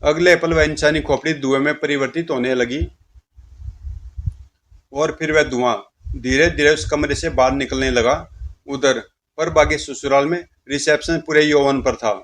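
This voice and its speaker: A man tells a horror comic story in a dramatic way. His voice sits slightly high for a man. He speaks the sound effects aloud as he goes. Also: fairly even intonation, normal speed, fairly bright tone.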